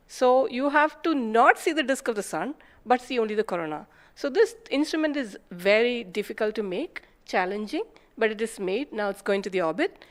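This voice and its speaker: A woman scientist with an Indian English accent explaining an instrument, asking herself questions and answering them. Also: on the high side. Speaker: payload scientist. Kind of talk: explanatory talk on a broadcast.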